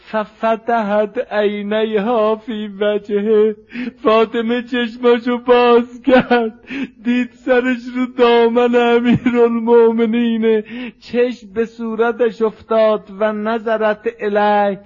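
Man, high voice, mournful religious recitation, plaintive, chanting, muffled lo-fi recording. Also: monotone, a little mellow. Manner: plaintive, turns to tearful chanting.

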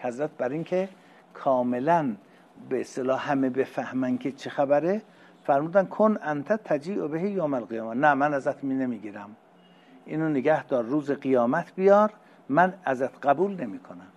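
A middle-aged male religious teacher who reads Arabic phrases slowly and then explains them in casual conversational speech. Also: medium pitch, a little mellow, dull audio. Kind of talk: lecture explaining Arabic hadith text.

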